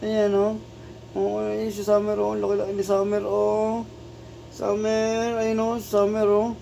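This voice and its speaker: Woman pet owner, casual coaxing baby talk to her cat; warm dark tone, faint noise on a dull home recording. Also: mid-range voice, monotone, a little slow, vocal fry. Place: at home indoors.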